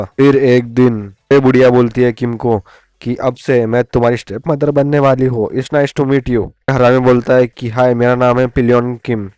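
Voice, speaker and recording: Fast, chatty man retelling a story. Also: mid-range voice, a little mellow, clear, resonant tone, no room sound. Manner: fast, chatty retelling with slangy asides and English words mixed in. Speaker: manga recap narrator. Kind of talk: casual storytelling recap.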